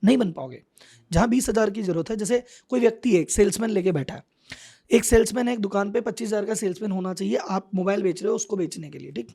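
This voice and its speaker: Raspy high-voiced man explaining. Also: fast. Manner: animated, acts out quoted thoughts. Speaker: business coach, podcast guest. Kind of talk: conversational explaining with examples.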